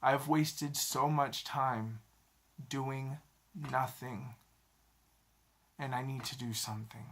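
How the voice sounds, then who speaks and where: A man in his thirties talking to a camera in a halting, self-critical confessional vlog, often repeating himself. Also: mid-range voice, fairly even intonation, fairly bright tone. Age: 30s. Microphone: camera mic, talking to a camera.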